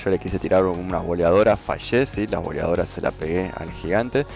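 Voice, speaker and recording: A gaming YouTuber gives casual gameplay commentary, explaining step by step and repeatedly asking "¿sí?" to check understanding. His voice sits low and darkish with vocal fry, he talks briskly, and faint game music plays behind him.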